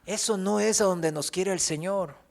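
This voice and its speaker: Male pastor with a high voice, animated sermon delivery with comic put-on voices. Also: moderate pace, gravelly. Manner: animated preaching, acts out whiny voices for comic effect. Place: church.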